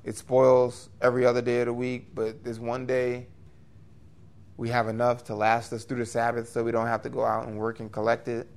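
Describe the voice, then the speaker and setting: A man preaching an expository sermon in an earnest, conversational way, with lively rises and quick asides. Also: medium pitch, creaky.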